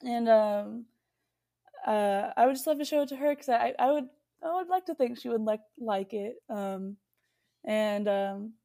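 Chatty young woman, slightly high voice. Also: unhurried, creaky, dark tone. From United States. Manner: chatty, many fillers and restarts. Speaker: singer-songwriter guest. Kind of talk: casual interview.

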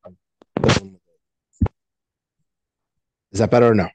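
A man in casual podcast chat whose voice comes through muffled, as if heard through a wall, talking in a halting way with frequent restarts. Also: lowish voice, noisy background. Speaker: sports commentator guest. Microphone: handheld mic held too far from the mouth.

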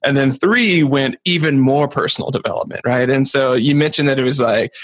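A man's voice: medium pitch, brisk, a bit bright, no room sound. A man hosting a podcast, asking questions in a casual way and checking in with "right?". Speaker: podcast host. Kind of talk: conversational interview.

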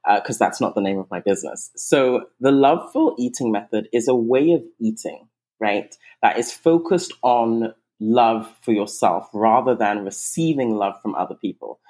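A woman raised in England appears as a guest eating coach in a casual podcast chat, sounding warm and chatty with frequent ums and restarts. Her voice is very deep and she talks at a moderate pace.

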